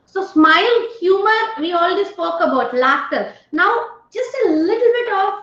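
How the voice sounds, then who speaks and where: A woman's voice: very high voice, animated, normal speed, a bit bright, roomy sound, highs cut off. A woman giving an online stress management training and often checking in with her audience. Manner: engaging, often checks in with "right?" and questions to participants.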